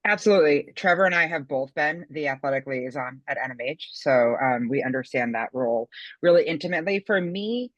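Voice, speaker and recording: A woman's voice: deep voice, lively intonation, brisk, no room sound, muffled recording. A woman who coaches basketball speaks on a webinar panel over a video call, explaining with energy and earnestness. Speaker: girls basketball coach and associate dean.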